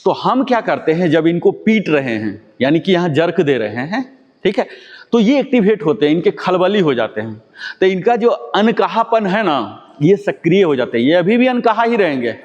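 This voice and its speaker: A male yoga instructor leads a group class in a slightly high voice. He gives step-by-step commands and often asks the class questions. His words hang in a long, echoing reverb. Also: big pitch swings, moderate pace, darkish tone, muffled recording. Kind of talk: guided exercise class.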